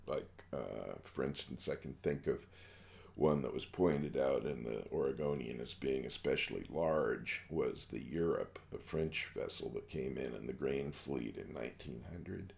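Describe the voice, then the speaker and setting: A man answering informally in an interview as a historian, in a halting, skeptical manner. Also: very deep voice, vocal fry, darkish tone.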